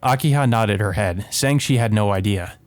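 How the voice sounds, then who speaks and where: A let's play host reads out visual novel narration with casual commentary, music running beneath his voice. He speaks at normal speed with a fairly low pitch, and there's no room sound.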